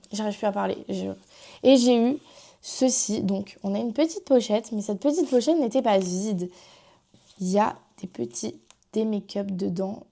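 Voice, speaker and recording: A woman's voice: mid-range voice, measured pace, gravelly, mellow. A young woman with a French accent chatting casually through a makeup haul, rambling with lots of fillers. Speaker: vlogger.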